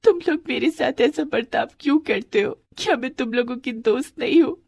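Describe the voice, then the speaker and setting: A woman voicing a gentle, poor schoolgirl who speaks softly and pleadingly. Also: a little high, steady tone, normal speed, no echo, voice pushed up, lightly acted. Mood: pained. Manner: soft, pleading, pained.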